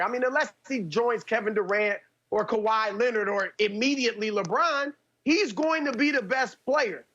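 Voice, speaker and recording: A man's voice: very high voice, sharp tone, muffled recording. A man arguing his case as a sports analyst on a debate show, building it point by point.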